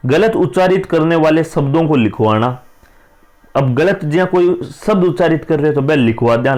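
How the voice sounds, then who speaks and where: Explaining answers during an exam-prep lesson, a Rajasthani-accented male teacher chats casually, blending dialect with Hindi as he covers the questions. His voice is a little high and darkish in tone.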